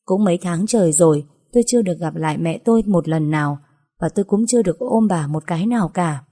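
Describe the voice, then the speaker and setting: A woman's voice: lowish voice, quick pace, warm tone, breathy edge. A young woman narrating a first-person story in a chatty, emotional way with playful asides.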